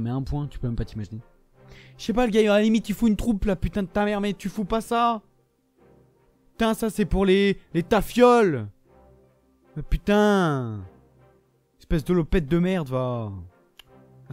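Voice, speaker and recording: A young man with a French accent, his voice worn hoarse, giving live commentary on a mobile game and swearing angrily at his opponents. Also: fairly high pitch, darkish tone. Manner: swears a lot, quick to anger, rants at opponents. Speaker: gaming video creator.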